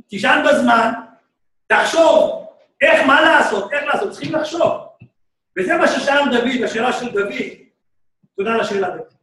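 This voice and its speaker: A man teaching a lively, joking Torah class as a rabbi, often shouting out exclamations. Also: extremely high pitch. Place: synagogue hall. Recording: echoey room, speaker far from mic.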